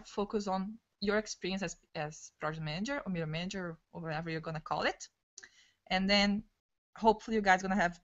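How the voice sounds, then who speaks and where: A woman trainer leading an online team session, talking quickly and excitedly, restarting words, in non-native English over a video call. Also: medium pitch. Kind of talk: live online training talk. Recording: dull lo-fi video-call audio.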